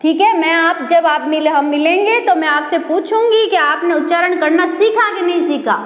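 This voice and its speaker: Female teacher, very high voice, unhurried and patient; echoey room with long reverb. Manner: patient, repeats words slowly and asks the class questions. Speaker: school Sanskrit teacher. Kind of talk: recorded online class lesson.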